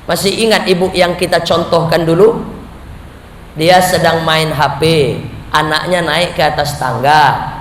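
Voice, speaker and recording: A male preacher gives a lively sermon, asking and answering his own questions and acting out the voices he quotes. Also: on the high side, measured pace, long pauses. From Indonesia. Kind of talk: lively sermon to a live audience. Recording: echoey hall with faint noise.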